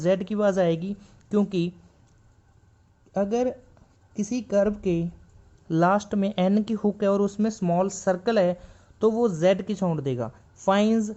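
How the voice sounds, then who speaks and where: A man teaching shorthand in a classroom style, patiently repeating each point and reading textbook lines slowly. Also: high voice, dark tone, muffled recording. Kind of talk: classroom explanation.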